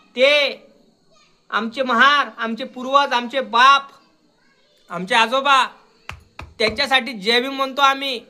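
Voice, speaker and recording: A young man rants straight at his listener in a combative voice. His voice is strikingly high and piercingly bright. He keeps hammering his point and demanding that the listener understand him. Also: clear, resonant tone. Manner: combative, repeatedly demanding "got it?". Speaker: social media commentator. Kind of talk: confrontational video rant.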